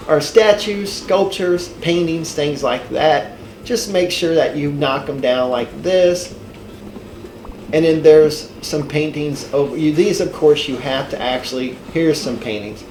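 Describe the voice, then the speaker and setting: In a rough recording with reverb and a bit of hiss or hum, an older man speaks at a measured pace in a slightly high, a little mellow voice. Congested from a head cold, he hosts a casual gameplay walkthrough, rambling in a folksy style and correcting himself.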